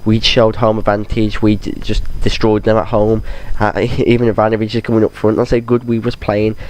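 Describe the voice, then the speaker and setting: A man's voice: on the low side, monotone, a little fast, darkish tone, a little hiss or hum. A man with a cold, chatting casually and rambling over game footage, often restarting his sentences as he talks about football. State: has a cold. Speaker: gaming channel host.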